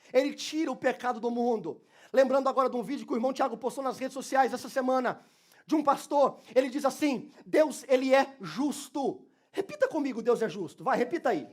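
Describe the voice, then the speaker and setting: Pastor, male, very high voice, fervent sermon delivery, loud peaks and hushed stretches. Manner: passionate preaching, swings from soft to shouted. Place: church.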